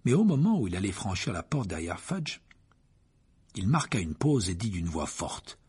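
Male audiobook reader, lively pitch, slightly husky, storybook narration. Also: moderate pace. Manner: expressive narration, voices all the figures.

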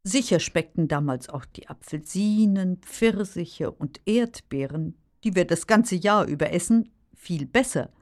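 An actress playing a practical, skeptical daughter who contradicts drily in scripted dialogue. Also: female voice, lowish voice, animated, a little slow, few pauses, a little mellow. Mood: dry, contradicting. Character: practical, skeptical grown daughter of a nostalgic father. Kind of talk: scripted language-lesson dialogue.

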